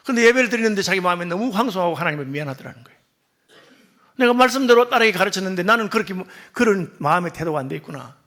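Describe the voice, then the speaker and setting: A male pastor preaching a sermon, telling a story and acting out the dialogue, often dropping to a soft, quiet voice for emphasis. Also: high-pitched, expressive, racing.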